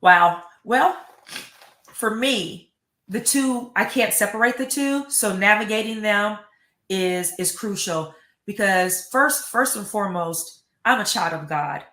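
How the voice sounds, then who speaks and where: A woman's voice: medium pitch, expressive, slow, bright, forceful tone. Middle-aged woman superintendent, earnest and emphatic, in a roomy, echoey recording. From United States. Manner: earnest, emphatic, repeats words. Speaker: school superintendent. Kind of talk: interview answers.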